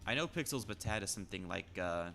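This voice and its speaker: A man's voice: lowish voice, expressive, quick pace, gravelly, sharp tone, a little hiss or hum. A young man chatting casually on a stream, rambling with frequent stammers and restarts while reading chat.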